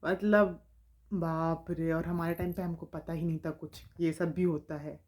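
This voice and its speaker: A woman's voice: low-pitched, flat delivery, unhurried, darkish tone. A woman vlogger telling a funny everyday story in a casual, chatty way, often laughing as she talks.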